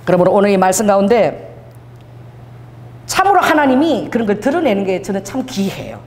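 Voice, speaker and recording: A woman's voice: mid-range voice, sing-song, fairly quick, a little mellow. A woman pastor preaching a sermon, telling stories animatedly, laughing often and acting out dialogue. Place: church sanctuary. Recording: reverberant church hall.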